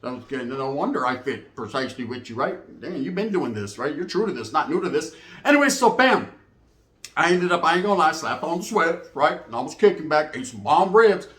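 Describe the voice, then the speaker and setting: Playing both parts in the conversations he recounts, an American man spins a casual, jokey story full of slang. He talks a little fast in a voice on the high side, and the audio is reverberant.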